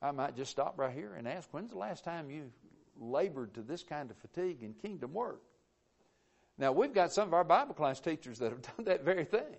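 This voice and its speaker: A man preaching a sermon, earnest and emphatic, with frequent halting restarts. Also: a little high, big pitch swings, creaky, lo-fi sound.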